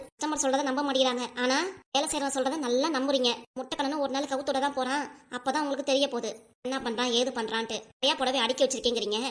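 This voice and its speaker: A woman with a Tirunelveli Tamil accent voicing the women in a cartoon comedy, talking in a quick, shrill, quarrelling way.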